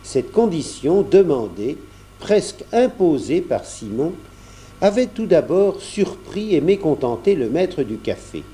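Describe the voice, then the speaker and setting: A man reading a novel aloud as narrator, in a measured storytelling manner. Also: fairly high pitch, very animated, warm tone. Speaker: audiobook narrator. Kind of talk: scripted narration.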